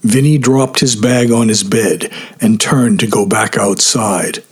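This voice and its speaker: A man reading a story aloud as narrator in a steady storytelling manner, voicing the characters lightly. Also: fairly low pitch, unhurried, husky. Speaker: audiobook narrator. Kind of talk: scripted narration.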